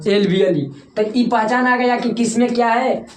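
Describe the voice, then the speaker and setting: A woman's voice: on the high side, normal speed. Bhojpuri-accented woman teacher quizzing a class. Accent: Bhojpuri-tinged Hindi. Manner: repeats key terms and quizzes students for answers. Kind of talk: classroom lecture. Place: echoey classroom with students. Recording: echoey room with faint background noise.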